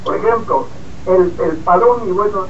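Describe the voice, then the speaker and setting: An elderly man, phoning in to a talk radio show and giving his opinion in an indignant, halting way, often repeating words. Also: sits high. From Peru. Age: 80s. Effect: caller heard over a phone line. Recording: muffled distant phone line with hiss.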